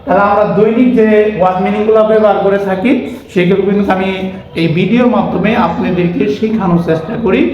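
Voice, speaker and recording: A fast-talking man with a high, steady voice teaches English vocabulary, spelling each word letter by letter. He asks questions and then answers them himself. The sound is lo-fi, recorded in a very echoey room with faint noise.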